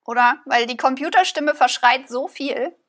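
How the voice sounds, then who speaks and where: A woman's voice: sits high, normal speed, a bit bright. A woman co-hosting a casual podcast chat, asking questions and thinking aloud with repeated words. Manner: inquisitive, thinks aloud with repetitions.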